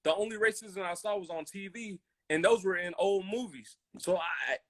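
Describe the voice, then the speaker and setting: A high-voiced American man talks casually on a podcast he co-hosts, at normal speed and with a slightly bright tone. Emphatic and impassioned, he repeats phrases for weight and voices imagined quotes; he comes from a military family and grew up in Germany, Colorado and Hawaii.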